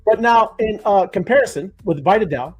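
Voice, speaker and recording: A man's voice: high voice, lively intonation, moderate pace, breathy edge, soft background music. A man co-hosting a crypto livestream, rambling in casual chat with many fillers and restarts. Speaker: crypto show co-host.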